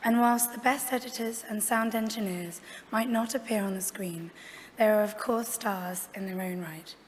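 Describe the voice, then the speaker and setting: A woman's voice: mid-range voice, normal speed. A woman presenting an award, reading a scripted speech on stage in a large auditorium. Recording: echoey hall with loud audience noise.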